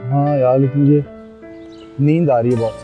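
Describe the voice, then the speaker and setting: An actor playing a sleepy, dry-humored young husband in a TV drama, answering with sarcasm. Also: male voice, high voice, expressive, brisk, music in the background. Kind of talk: TV drama acting.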